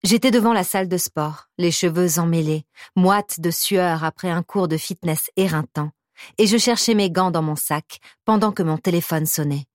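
Female audiobook narrator, first-person, intimate and wry, lowish voice, dry studio booth. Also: normal speed, no echo.

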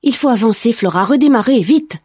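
Storybook: woman doing a commanding old lady, brisk, mellow and breathy. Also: fairly high pitch, no echo, clean studio sound, pitched above the performer's own voice. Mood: urgent.

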